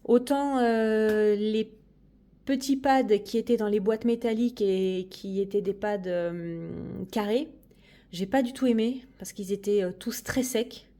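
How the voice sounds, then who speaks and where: A woman's voice: medium pitch, a little slow, dark tone. A woman chatting casually through a tour of her coloring corner, hesitant and friendly. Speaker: coloring hobby vlogger. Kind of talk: casual room tour chat.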